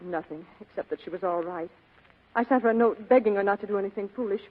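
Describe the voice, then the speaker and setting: Anxious, quick-talking young woman played by an actress, old radio. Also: medium pitch, close to an everyday voice. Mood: distressed, pleading. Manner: breathlessly hesitant, earnest. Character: anxious, pleading young female client. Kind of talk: 1940s radio drama acting. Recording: tinny band-limited vintage radio broadcast.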